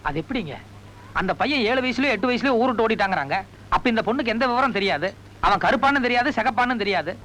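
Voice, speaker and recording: A man's voice: very high voice, expressive, quick pace, bright, forceful tone, exaggerated voice. An actor playing a male stranger who asks villagers puzzled questions in a film scene. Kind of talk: film drama acting.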